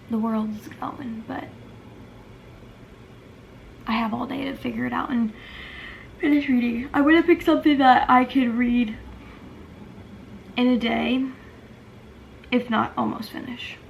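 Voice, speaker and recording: A woman's voice: fairly high pitch, takes it slowly, vocal fry, pauses often, highs cut off, a little hiss or hum. Gushing young woman book vlogger. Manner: gushing, emotional, full of "like" fillers. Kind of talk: casual chat.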